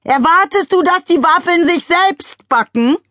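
A woman's voice: sits high, normal speed, a bit bright, dry recording, clean studio sound, voice pushed up. Shrieking bossy mother. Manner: shrieking, bellowing demands. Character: bossy demanding middle-aged mother.

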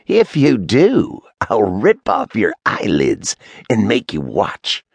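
Male narrator doing a slow, cruel old crone shaman for an audiobook, husky and low. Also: wildly swooping pitch, no echo, full character voice. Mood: menacing. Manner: menacing, slow and drawn out.

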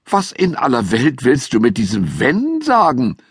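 A man's voice: mid-range voice, wildly swooping pitch, measured pace, gravelly, slightly rough, dry recording, clean studio sound, pitched above the performer's own voice, full character voice. A man voicing a kindly mother of the family in a children's audiobook, with an indignant manner. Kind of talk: audiobook character voice.

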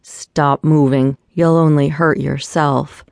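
A woman voicing a brooding male vampire billionaire who talks slowly, low and commanding. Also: level tone, creaky, a little mellow, dry recording, studio quality, exaggerated voice. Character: brooding vampire billionaire boss, man, deep and somber.

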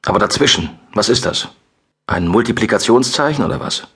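A man narrating as a bull-necked commander in his early fifties, cold and contemptuous, pushing his threats hard. The voice sits low with a husky edge, sharpened into hissed menace in an audiobook thriller. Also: expressive, fairly quick, fairly bright tone, heavily acted. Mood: mocking.

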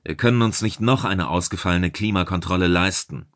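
A man voicing a gruff middle-aged chief engineer who barks blunt orders in a sci-fi audiobook. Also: deep voice, fairly quick, dry recording, clean studio sound. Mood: commanding.

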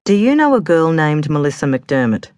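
A woman's voice: low-pitched, big pitch swings, moderate pace, a little mellow, no echo. A woman voicing a poised female police detective, polite but firm and businesslike.

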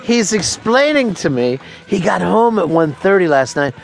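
A man's voice: high-pitched, sing-song, moderate pace, vocal fry, faint music behind. A man hosting a talk radio show, trading sarcastic, profane jabs with his co-hosts in the studio. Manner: teasing, sarcastic, swears freely.

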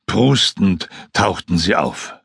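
Slow, gravelly male audiobook narrator. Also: low voice, animated, fairly bright tone, dry recording, studio quality. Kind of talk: scripted narration.

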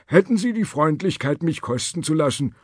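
A man voicing a weary, old-fashioned male vampire who speaks slowly and formally with a breathy tone in a storybook. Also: fairly high pitch, lively intonation, darkish tone, dry recording, pitched above the performer's own voice. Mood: polite weary. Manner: slow, formal and genteel. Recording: dry studio audiobook.

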